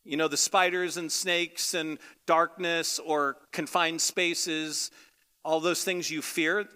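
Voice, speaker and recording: A man's voice: fairly high pitch, steady tone, takes it slowly, pushed and bright, clear, resonant tone. An American man preaching a sermon in a conversational, emphatic way, repeating phrases for emphasis. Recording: echoey hall with long reverb.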